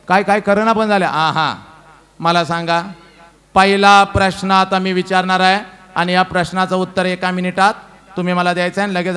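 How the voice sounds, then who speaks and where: High-ish voiced village-guy, motivational talk to a ladies' meet, teasing and bossy, loud then suddenly hushed. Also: clear, resonant tone. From western Maharashtra. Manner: teasing, humorous, bossy with the audience; swings between loud calls and hushed earnest pleas. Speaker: motivational speaker. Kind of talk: lecture to a women's gathering.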